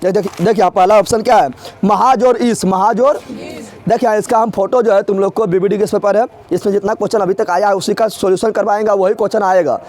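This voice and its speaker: A man's voice: sits high, steady tone, fast talker, darkish tone. A man teaching an exam-prep grammar lesson, asking questions and answering them himself in a repetitive drilling way. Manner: drilling, asks and answers his own questions.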